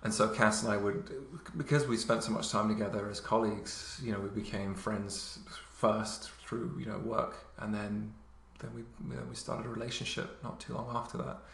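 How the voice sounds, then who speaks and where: A man in his thirties, raised in England and Luxembourg, telling stories in a relaxed way with many fillers. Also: lowish voice, normal speed, creaky, hardly any pauses. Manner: relaxed storytelling, many fillers, occasional laughs. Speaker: interview guest. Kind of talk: casual conversation. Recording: echoey room.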